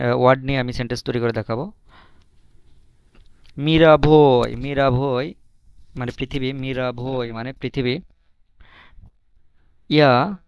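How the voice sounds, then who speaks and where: A man teaching foreign words, repeating each one several times and pausing with fillers as he explains. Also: medium pitch, clear, resonant tone, no room sound. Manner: repeats each word slowly, many fillers. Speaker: language teacher. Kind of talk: explaining vocabulary.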